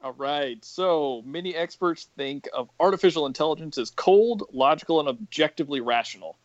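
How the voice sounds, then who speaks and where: A man's voice: on the high side, normal speed, no echo. Man co-host reading news, slightly dull sound. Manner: reads stories aloud, then comments. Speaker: podcast co-host. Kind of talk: casual chat and reading news stories.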